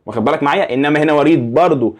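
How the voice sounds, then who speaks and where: A man's voice: a little high, racing. A young man with an Egyptian Arabic accent teaching anatomy in a casual, conversational way, often asking the listener rhetorical questions to check they follow. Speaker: anatomy lecturer.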